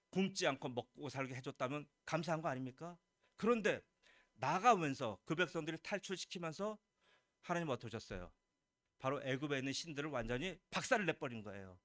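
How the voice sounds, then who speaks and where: A man's voice: medium pitch, fairly bright tone, no echo, clean studio sound. A man, a pastor, preaching a Sunday sermon with emphatic questions to the congregation and lines acted out as God's words. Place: church sanctuary.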